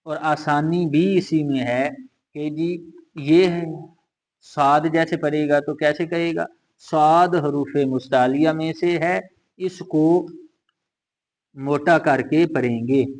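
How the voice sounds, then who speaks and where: A man's voice: a little high, rough recording. A man teaching a Quran reading lesson for children, patiently repeating letters and drilling each syllable aloud. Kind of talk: slow step-by-step recitation lesson.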